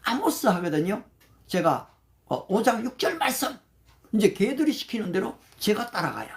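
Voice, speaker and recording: Animated older man leading a prayer talk. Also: high voice, moderate pace. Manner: mixes English Bible verses into his talk and thanks viewers by name. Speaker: prayer meeting leader. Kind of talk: livestreamed devotional talk.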